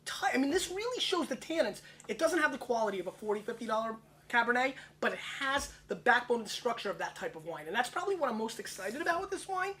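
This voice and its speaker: A man in his thirties hosts a wine tasting show, chatting casually in a brash, rapid-fire, joking way. His voice is extremely high with big pitch swings and a sharp tone.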